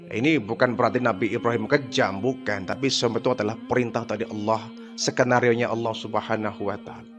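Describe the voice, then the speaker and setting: A man's voice: mid-range voice, a bit bright. A male Islamic preacher telling a story in a conversational sermon, with frequent fillers and sound effects he makes with his mouth.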